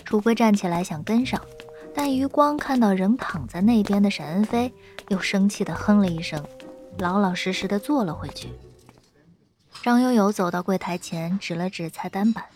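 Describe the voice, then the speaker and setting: A woman's voice: medium pitch, moderate pace, darkish tone, faint music behind. Woman narrating a web novel. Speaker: audiobook narrator.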